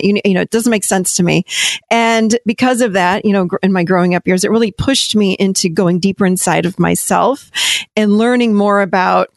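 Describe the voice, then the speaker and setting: A woman's voice: mid-range voice, no echo. A woman who grew up in Rochester, New York speaks as a podcast guest, midrange and conversational. She runs her thoughts together, restarts and laughs lightly. The sound is dry and close. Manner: chatty, quick, self-correcting, laughs often. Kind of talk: casual interview talk.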